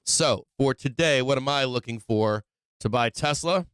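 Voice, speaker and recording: This livestream host, a man whose voice is going because he's sick, chats casually about stocks, reasoning aloud over charts with frequent rhetorical "right?"s. The studio-quality audio is clean with no room sound, and his mid-range voice is fairly bright at normal speed.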